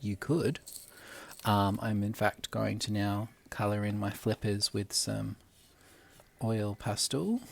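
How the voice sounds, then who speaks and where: A young man, a primary school teacher, gently talking children through a drawing step by step. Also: lowish voice, gravelly, slightly rough. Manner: gentle, unhurried, talks while drawing. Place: classroom at school.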